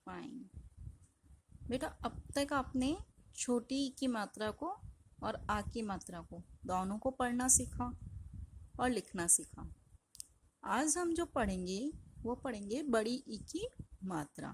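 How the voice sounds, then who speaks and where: Woman teacher, high voice, slow and patient, children's phonics lesson, faint hiss and clicks behind. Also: lively intonation. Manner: slow, patient, asks and answers her own questions.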